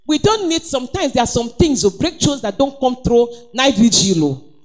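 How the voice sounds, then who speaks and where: A woman's voice: high-pitched, sing-song, normal speed, soft background music. A woman with a Nigerian accent preaching a sermon, emphatic and exhorting, with frequent calls of praise.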